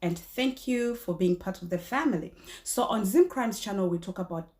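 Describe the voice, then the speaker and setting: Slightly hoarse with a cold, a thirtysomething woman recounts a true-crime case to camera from a small room indoors. She speaks at a moderate pace in a medium-pitched, somewhat mellow voice, chatting with lots of fillers and false starts.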